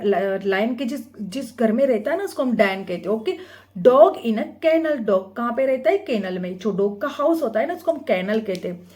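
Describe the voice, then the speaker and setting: A woman teacher explaining an English textbook lesson, reading the English lines slowly and asking and answering her own questions. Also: fairly high pitch, darkish tone.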